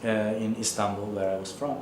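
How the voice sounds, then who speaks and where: A man's voice: on the low side, steady tone, fairly quick, a little mellow, echoey room, slight background noise. A man in his thirties from Turkey with a Turkish accent, an economics professor answering interview questions thoughtfully, with many fillers.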